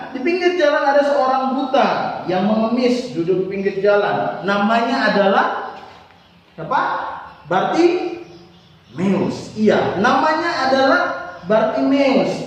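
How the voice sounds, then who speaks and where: A man telling a Bible story to children at a Sunday service, asking them questions as he goes. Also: extremely high pitch. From Indonesia. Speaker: Sunday school teacher. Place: church hall. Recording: echoey hall from far off.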